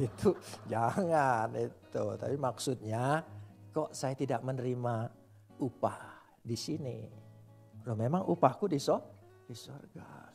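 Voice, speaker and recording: A man preaching a sermon to a congregation, animated, swinging between loud and soft and joking with the listeners. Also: mid-range voice, gravelly. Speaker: pastor.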